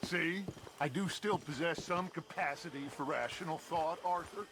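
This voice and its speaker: An actor playing a charismatic, scheming middle-aged American outlaw gang leader in a video game, grandiose and persuasive. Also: male voice, on the high side, moderate pace, noisy background, lightly acted. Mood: confident, calm. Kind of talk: dramatic video game cutscene acting.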